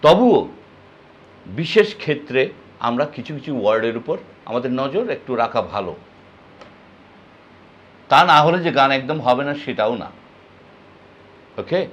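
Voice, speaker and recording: A man giving a spoken music lesson, explaining pronunciation slowly and demonstrating words and short sung phrases. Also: medium pitch, big pitch swings, a bit bright, dull audio. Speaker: music teacher.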